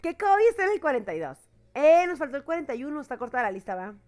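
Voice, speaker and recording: A woman's voice: high-pitched, very animated, fast, darkish tone. A woman with a Mexican accent giving casual, slangy reaction commentary on an anime ranking, often correcting herself mid-sentence. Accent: Mexican Spanish. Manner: chatty, slangy, self-correcting, laughs often.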